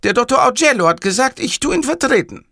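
A man's voice: very high-pitched, sing-song, quick pace, creaky, pushed and bright, no echo, studio quality, voice pushed up, exaggerated voice. A man voicing a bumbling, overeager male police switchboard officer who rambles in muddled sentences. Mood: flustered eager.

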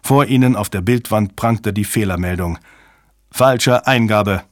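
A man reading a thriller audiobook in a steady, measured narrating voice. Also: lowish voice, no room sound, clean studio sound. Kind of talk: scripted narration.

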